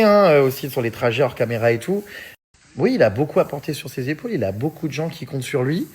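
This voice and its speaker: A man's voice: medium pitch, husky. Chatty French vlogger man, filler-heavy. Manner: chatty, many fillers like hein and euh; often laughs while talking. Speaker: vlogger reading and answering fan messages. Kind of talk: casual story chat to followers.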